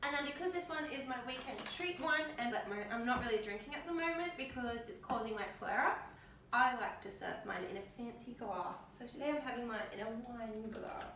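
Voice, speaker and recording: A woman's voice: fairly high pitch, brisk, a bit bright. A woman with an Australian accent chatting casually in her home kitchen, tired and in pain, with an offhand, colloquial way of talking. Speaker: health vlogger. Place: home kitchen with windows open. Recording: very echoey kitchen, distant mic, faint noise.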